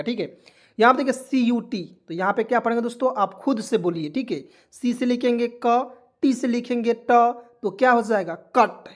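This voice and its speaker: A man giving an online English lesson, repeating points and answering his own questions, with a preachy motivational tone and frequent friendly fillers. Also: high voice. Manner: keeps saying "okay" and "friends" as fillers. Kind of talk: spoken lesson to a video audience.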